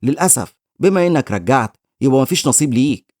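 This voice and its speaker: A man's voice: medium pitch, lively intonation, quick pace, darkish tone, dry recording, studio quality, lightly acted. A man voicing a cruel, sneering male guild leader in a recap with an Egyptian Arabic accent, mocking in tone.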